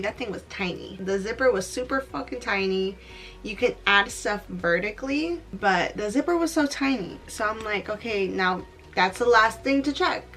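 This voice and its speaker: A young woman telling a get-ready-with-me storytime, animated and laughing, slipping into Spanish now and then. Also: medium pitch. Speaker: beauty vlogger.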